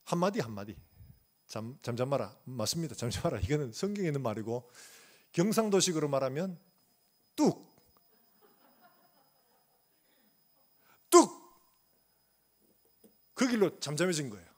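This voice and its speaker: A man's voice: mid-range voice, big pitch swings, fast talker. A male pastor preaching a sermon in a church, asking the congregation questions and acting out quotes.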